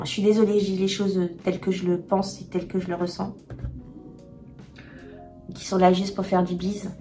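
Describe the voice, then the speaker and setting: Woman, tarot vlogger, casual confiding chat, halting with fillers, mid-pitched voice, soft music underneath. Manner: hesitant, many filler pauses, frank and confiding. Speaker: tarot reader and illustrator. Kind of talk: candid casual vlog chat.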